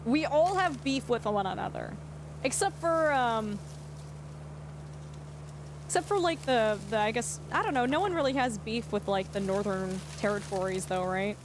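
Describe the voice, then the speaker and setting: Animated and a bit high-pitched, this Canadian woman talks at a normal pace against a noisy background as she livestreams gameplay. She's a native English speaker chatting casually with viewers, wandering in her talk, restarting sentences, and laughing easily.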